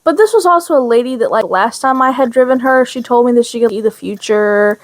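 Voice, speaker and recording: A woman chatting casually as a podcast co-host, telling personal stories in an animated way and acting out dialogue. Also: on the high side, brisk. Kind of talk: casual chat, personal storytelling.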